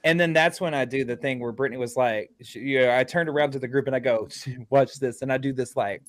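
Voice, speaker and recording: A man of middle pitch tells a ghost-hunting story as a guest in a casual interview. He talks with energy and does the voices of the people he quotes. He sounds like an ordinary speaker, not a trained announcer. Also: fast, dry recording. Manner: animated, acts out quotes. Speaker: paranormal investigator.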